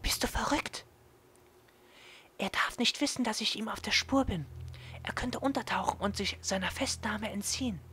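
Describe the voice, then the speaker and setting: A man voicing an excitable, secretive young female librarian in a breathy falsetto that often drops to conspiratorial whispers, for a visual novel game. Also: moderate pace. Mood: excited, secretive.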